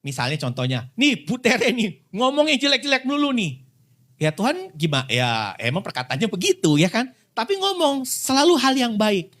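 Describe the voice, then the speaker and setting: Lively man preaching. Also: high-pitched. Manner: lively, playful preaching with quick voiced quotes and laughs. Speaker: pastor. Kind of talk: sermon.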